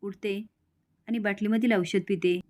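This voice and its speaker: A woman recaps an episode of a TV serial at a quick, steady pace, her pitch in the ordinary middle range. She reads the characters' lines in the same plain voice she uses for the narration.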